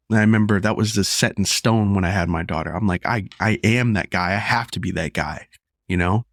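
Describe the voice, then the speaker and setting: A man hosts his podcast alone, speaking earnestly and openly about his own life. His voice sits low and gravelly, strained from sickness as he loses it. The sound is close and dry, with no room around it. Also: no room sound. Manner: earnest, confessional. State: losing his voice, unwell. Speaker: podcast host. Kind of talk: solo podcast monologue.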